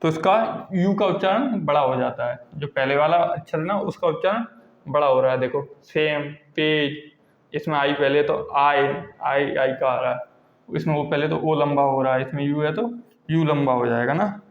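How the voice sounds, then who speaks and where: Male grammar teacher, fairly high voice, drills examples by repetition, roomy classroom sound. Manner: repeats examples slowly, asks and answers his own questions. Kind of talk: classroom lesson explaining pronunciation rules. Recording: echoey lo-fi classroom recording.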